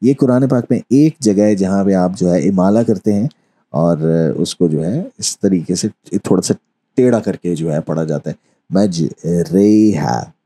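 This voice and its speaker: Male Quran recitation teacher, deep dark husky voice, patient explainer, recites slowly. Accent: Urdu-speaking Pakistani. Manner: explains patiently, mixes in English phrases, recites verses slowly. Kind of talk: online lesson.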